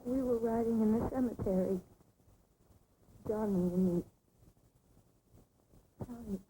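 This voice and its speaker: A woman's voice: on the high side, dark tone, slight background noise, natural voice, poor audio. An actress as a dazed, terrified young woman. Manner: halting, dazed, breaking into sobs. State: crying, in shock. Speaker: film character. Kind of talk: 1960s horror film acting.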